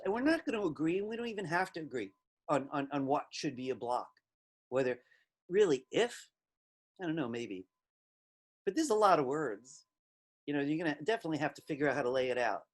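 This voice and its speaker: A man's voice: fairly high pitch, very animated, a little fast. A middle-aged man teaching a recorded class, talking conversationally and reflectively, stressing key words as he explains.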